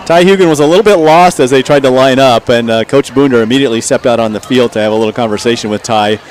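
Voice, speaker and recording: Male color commentator, measured, mid-pitched. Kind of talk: conversational football analysis on radio. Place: stadium broadcast booth. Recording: crowd and faint outdoor noise behind.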